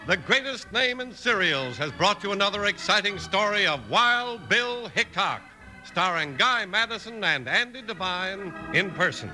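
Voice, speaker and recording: An old-time radio announcer, an American man with a high, swooping voice. He reads in a polished, emphatic manner over organ music on a vintage broadcast recording. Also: very animated, moderate pace, pushed and bright, low-quality recording. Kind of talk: old-time radio announcer reading credits and sponsor message.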